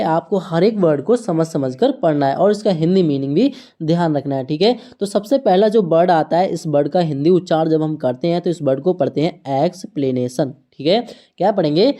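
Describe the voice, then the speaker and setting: A woman runs an online English lesson, her voice mellow and low-set. She spells each word out letter by letter and keeps checking in with the students. Her pace is slow and repetitive, the way a patient teacher drills beginners.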